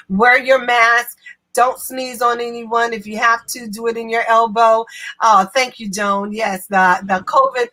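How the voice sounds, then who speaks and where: A woman's voice: fairly high pitch, bright, forceful tone. A woman in her fifties hosting an online talk show from her home office, chatty and upbeat. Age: 50s. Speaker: show host.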